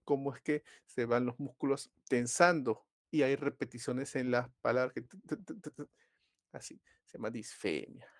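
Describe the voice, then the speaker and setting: A man teaches a live online class in a relaxed, conversational way. He pauses often with fillers and stops to ask whether his students are following. The recording is dry, with no room echo. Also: medium pitch.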